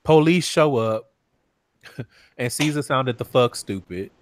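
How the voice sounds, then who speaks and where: A man co-hosting a podcast, casually recapping reality TV with animated storytelling and mocking quoted voices. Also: mid-range voice, takes it slowly, slight background noise. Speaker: podcast co-host.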